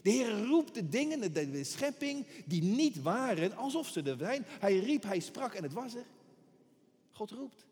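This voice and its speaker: A man's voice: high voice, very animated, unhurried, darkish tone, big-room sound. A man preaching a sermon with emphasis, repeating words for effect.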